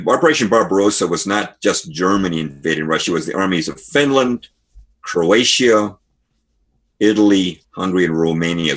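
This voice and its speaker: A man speaks as a guest author in a podcast interview, his voice low and husky. He explains history as a string of stories and stops to read passages from books. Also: fairly bright tone. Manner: storytelling, reads passages aloud from books.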